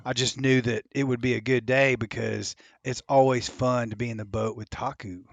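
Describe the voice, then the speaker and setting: A man as a podcast guest telling stories in casual chat, animated and laughing often. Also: mid-range voice, normal speed, vocal fry, no echo. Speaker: videographer guest.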